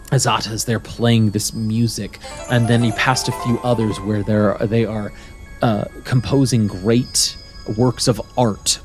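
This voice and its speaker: Slow, low-voiced male game master. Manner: measured, wondering, pauses between phrases. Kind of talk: descriptive tabletop game narration. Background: soft music.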